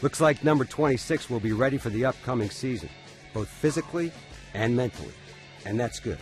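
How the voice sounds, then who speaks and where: A man's voice: medium pitch, lively intonation, fairly quick. A man giving scripted documentary narration as a studio voice-over, with an upbeat, wry storytelling manner. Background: soft music bed.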